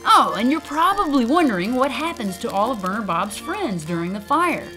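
In a rough recording with background music, a woman voices over children's narration, explaining the forest from the perspective of a prescribed burner. She keeps things simple and upbeat, her fairly high voice very animated and moderately paced.

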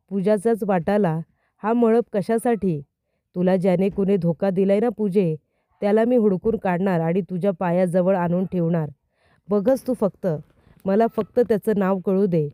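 A woman's voice: mid-range voice, dark tone, no room sound, studio quality, lightly acted. A woman voicing a caring young woman of the house who speaks affectionately and turns fiercely protective, reading her lines in a recap.

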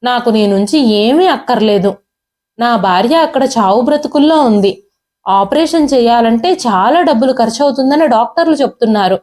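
A woman's voice: on the high side, lively intonation, normal speed, a little mellow, lightly acted. A woman voicing a pleading old father. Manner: pleading, tearful.

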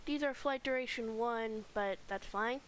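A woman with a high voice gives casual, rambling commentary while playing a game and touring a base. She talks on a home mic, and a faint hiss sits under her voice. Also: unhurried, fairly bright tone, poor audio. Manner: chatty, rambling tour-guide narration with fillers. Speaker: gaming channel host. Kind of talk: casual Minecraft let's play commentary.

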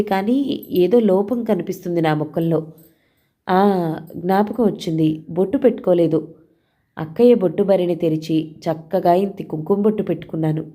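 A woman reading a first-person story aloud as an audiobook narrator, in a calm, measured way. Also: lowish voice.

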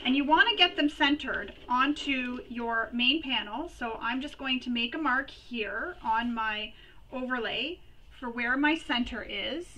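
A woman hosting a sewing tutorial, giving practical step-by-step instructions and pausing while she works. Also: a little high, pushed and bright, recorded from a distance, rough recording. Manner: chatty and practical, pauses while working.

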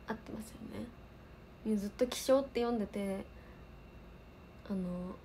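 Speaking a little slowly in a mellow, mid-range voice, an Osaka woman in her twenties chats casually while replying to her livestream viewers' comments. She is an idol livestream host with a light Kansai accent, and there's a little hiss or hum.

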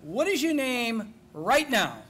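A man's voice: extremely high pitch, big pitch swings, slow pace, fairly bright tone, voice pushed up, exaggerated voice. Cajun man doing a fussy courthouse clerk. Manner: bureaucratic, exasperated.

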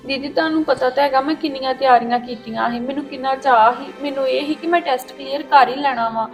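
A woman's voice: high voice, steady tone, fast talker, soft background music, rough recording. A woman acting a tearful younger sister in a Punjabi family drama, speaking with a Punjabi accent. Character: young woman upset after failing a test.

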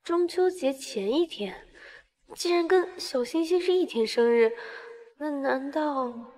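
A woman's voice: high voice, lively intonation, slow pace, darkish tone. An actress playing an anxious, wary young single mother in a drama. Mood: startled, uneasy.

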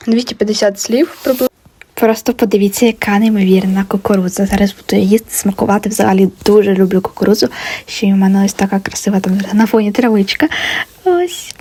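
A woman's voice: on the high side, mellow. A young woman vlogging casually about her art and her day, chatty and eager to show viewers her work. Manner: chatty, enthusiastic, shows things to viewers. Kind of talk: casual vlog narration. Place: rural home.

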